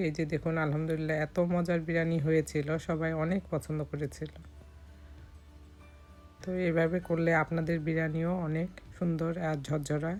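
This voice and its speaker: Cooking vlogger, woman, low husky-hoarse voice, calm walk-through, soft music underneath. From Bangladesh. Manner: calm step-by-step instructions. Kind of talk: recipe voice-over narration.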